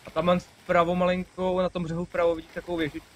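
Young male let's-play host, husky and a bit high, excitable and crude. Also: low-quality recording. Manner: excitable, swears, laughs often. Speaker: gaming channel host. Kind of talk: casual let's-play banter.

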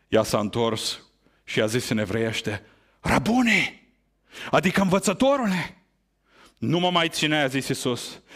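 A man preaching a sermon, asking rhetorical questions and stressing his points with big rises and falls in pitch. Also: fairly bright tone. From Romania. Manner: emphatic, rhetorical questions, wide swings in pitch.

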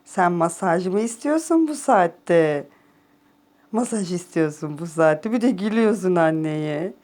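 A woman's voice: on the low side, expressive, measured pace, darkish tone. A young woman in baby talk to her pet cat at home, cooing and murmuring, at times dropping to a whisper. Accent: Turkish. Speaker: cat owner. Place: home at night.

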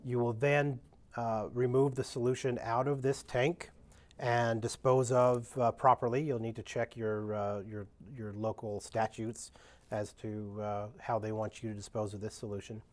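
A man's voice: mid-range voice, little pitch movement, a little mellow. Plain-spoken man explaining a repair. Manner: plain, halting, many "uh" fillers and restarts. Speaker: equipment demonstrator. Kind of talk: unscripted how-to demonstration. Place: indoor workshop with benches.

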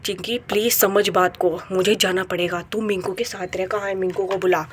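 A woman's voice: medium pitch, steady tone, moderate pace, slight background noise, natural voice. A woman voicing a protective soldier brother. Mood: firm. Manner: firm, reassuring, in a hurry to leave. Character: young adult male soldier, protective elder brother. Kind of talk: toy play storytelling.

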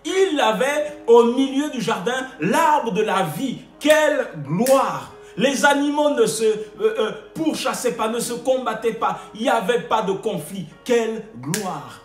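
A high-voiced man preaches a sermon, repeating his refrains emphatically and stumbling over hesitations. The sound is echoey, with faint music behind him. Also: animated, unhurried, hardly any pauses.

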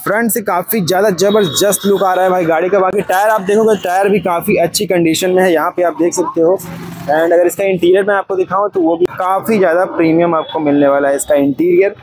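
A man's voice: sits high, steady tone, brisk, breathy edge. A young man vlogging casually from an outdoor used car lot, chatty and friendly, calling the viewer brother and mixing English words into his talk. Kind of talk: casual walkaround commentary.

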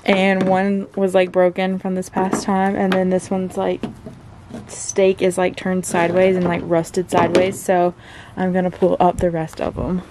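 A woman's voice: fairly low pitch, completely flat delivery, measured pace. Rambling young woman vlogging from her car. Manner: rambling, many "like" fillers. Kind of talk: casual vlog chat to camera. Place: inside a car and outdoors at a campground. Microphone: handheld camera at arm's length. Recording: noisy car and outdoor ambience.

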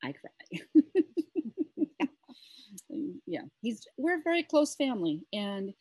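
A woman's voice: medium pitch, big pitch swings, moderate pace, a little mellow, dry recording. A middle-aged woman co-hosting a casual chat, telling a rambling, emotional story with many restarts. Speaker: co-host.

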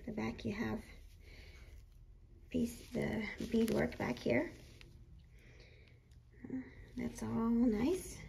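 Slightly hoarse, creaky woman vlogger. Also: a little high, dark tone. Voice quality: slightly harsh, rough voice. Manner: informal, rambling, self-correcting. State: getting over a sickness, slightly hoarse. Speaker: doll collecting vlogger. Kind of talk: casual chatty hobby haul commentary. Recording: roomy echo with clear background noise.

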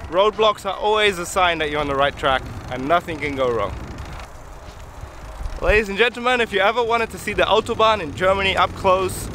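A man's voice: high-pitched, fairly quick, noisy background. A man in his twenties, a parkour vlogger, talking casually and playfully to a handheld camera outdoors on city streets. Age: 20s. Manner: upbeat, playful, joking. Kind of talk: casual vlog talk to camera. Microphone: handheld camera at arm's length. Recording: outdoor vlog with music over it. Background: background music.

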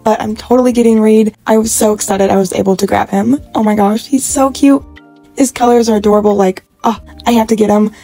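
A woman's voice: a little high, a little fast, soft background music. Gushing young woman in a store. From California. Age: 20s. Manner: gushing, excitable, chatty. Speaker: vlogger. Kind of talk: casual shopping vlog narration. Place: in stores with background music, holding a phone. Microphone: phone camera.

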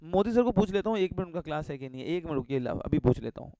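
A man's voice: a little high, expressive, very fast, warm tone, dry recording. A man teaching a live online commerce class, joking and telling stories, quizzing students and mixing in English phrases. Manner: mixes Hindi with English phrases.

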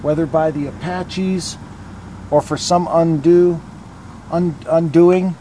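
A man's voice: fairly high pitch, fairly even intonation, takes it slowly, warm tone. A middle-aged man talking to a ghost, calling out questions to spirits as a paranormal investigator. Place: outdoors at night by a graveyard fence. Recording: noisy outdoor camcorder audio, traffic ambience.

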